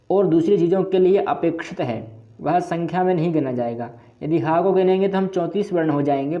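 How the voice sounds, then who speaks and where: Man teaching grammar, dull lo-fi sound. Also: on the high side. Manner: slow, careful letter-by-letter recitation. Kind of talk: explanatory lecture.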